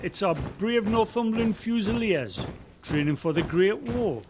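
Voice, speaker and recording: In a community radio play, an actor with a Northumbrian accent voices Billy, an old local man guiding a visitor through the valley's history. He tells his stories in broad dialect, folksy and unhurried, with a high pitch and lively intonation. Background noise is noticeable.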